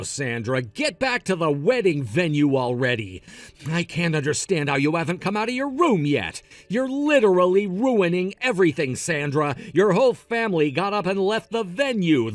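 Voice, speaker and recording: A man plays an impatient, scolding groom who blames his bride for everything, his voice riding fairly high and swinging widely in pitch. The dry, close sound has faint music running behind it in this text-message story. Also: no echo. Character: blaming, dismissive young groom.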